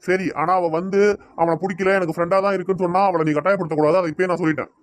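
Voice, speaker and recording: A man's voice: high voice, level tone, rapid-fire, no room sound, lightly acted. A man with a Tirunelveli Tamil accent voicing a stubborn middle-aged father in a cartoon, scolding his wife in an argument. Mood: heated. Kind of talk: cartoon voice acting.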